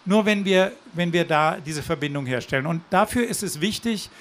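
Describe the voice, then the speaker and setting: A man's voice: a little high, moderate pace, fairly bright tone. A man from southwestern Germany giving an earnest, persuasive speech at a demonstration, with the odd restart. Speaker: rally speaker. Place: outdoor rally.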